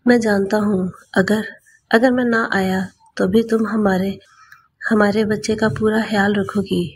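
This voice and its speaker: A woman narrator voicing a young male soldier far from home, speaking gravely and haltingly. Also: sits high, level tone. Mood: grave, sorrowful.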